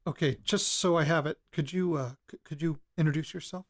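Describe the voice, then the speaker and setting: Hesitant and probing, an actor voices an anxious, insistent young amateur investigator looking into his late grandparents' secrets, speaking haltingly, bluntly and pressingly, with curses. His male voice is on the high side with fairly even intonation, in a naturalistic audio drama framed as a hesitant recorded diary and interview, recorded in the field with background noise.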